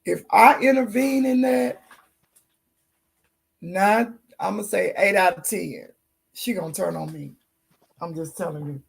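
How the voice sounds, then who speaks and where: Woman, livestream host, hoarse, gravelly fry, casual chat. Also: medium pitch, a little slow, long pauses. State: hoarse, losing her voice.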